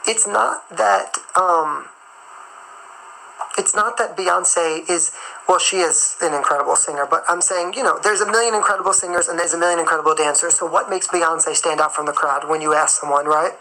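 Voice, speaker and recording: Bright, emphatic male performer. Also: on the high side, normal speed, poor audio. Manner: chews gum while talking; emphatic, repeats key phrases. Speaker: singer and performer hosting a live stream. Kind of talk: live-stream chat, motivational talk.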